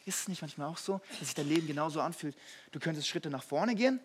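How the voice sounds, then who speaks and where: A young man preaching a sermon to a congregation, animated, swinging from hushed whispers to loud shouting. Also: fairly high pitch, quick pace, a little hiss or hum. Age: young adult. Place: church hall before a congregation.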